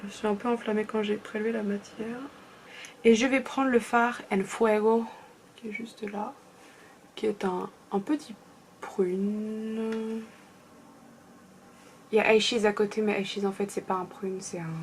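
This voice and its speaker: A woman's voice: medium pitch, steady tone, normal speed, slight background noise. A young woman from France chatting casually through a makeup tutorial, often trailing off into murmurs. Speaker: beauty vlogger.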